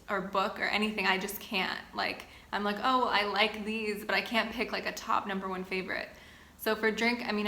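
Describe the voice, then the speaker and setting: A Boston-area woman in her twenties chats casually for her vlog, reading questions aloud and giving long answers in a sit-down get-to-know-me format. Her medium-pitched voice is bright and forceful. The room echoes, with faint ambient noise behind her.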